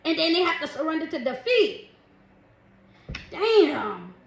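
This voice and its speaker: A woman doing a casual tarot reading, chatty and quick to laugh, who calls her listeners "collective" and "baby". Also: very high voice, sing-song, creaky. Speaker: tarot reader. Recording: echoey room, faint noise.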